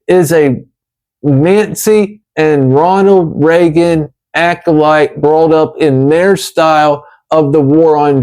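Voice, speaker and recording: A man with a slight lisp, as if wearing a retainer, delivering an earnest, emphatic advocacy monologue in deliberate phrases. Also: fairly high pitch, a little mellow, poor audio. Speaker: chronic pain patient advocate.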